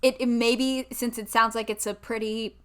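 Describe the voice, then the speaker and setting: Young woman podcast co-host, bright voice, chatty and animated, casual talk. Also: on the high side, normal speed, clean tone. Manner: chatty, lots of "like", animated asides. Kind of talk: casual chat.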